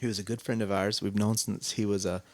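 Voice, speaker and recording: A man's voice: on the low side, level tone, quick pace, no echo. A man co-hosting a casual church podcast, telling stories in a rambling, self-correcting way. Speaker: co-host.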